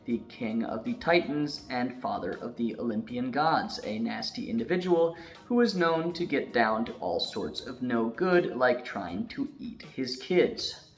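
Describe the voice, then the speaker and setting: A man narrating a video in a casual scripted style, chatty, with joking asides, and a voice that is going a little hoarse. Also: medium pitch. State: losing his voice. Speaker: YouTube narrator.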